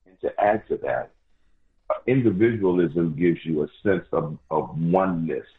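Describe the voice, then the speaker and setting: Male caller, husky voice, tinny phone line with tunnel-like echo, earnest and stumbling. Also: deep voice, moderate pace. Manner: earnest, repeats and restarts words. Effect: echoey phone line, like talking from a tunnel. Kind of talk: call-in radio discussion. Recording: tinny, echoing phone call.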